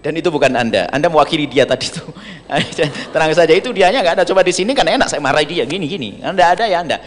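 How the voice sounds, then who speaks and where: A man preaching a sermon, humorous and animated, slipping into little acted asides. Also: on the high side, racing, a little hiss or hum. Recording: long hall reverb.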